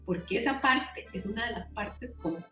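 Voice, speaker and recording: A woman's voice: mid-range voice, moderate pace, fairly bright tone, reverberant, distant mic, soft background music. A middle-aged Costa Rican woman talking as an interview guest in a chatty way, full of "o sea" and "¿verdad?". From Costa Rica. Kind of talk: casual conversational interview.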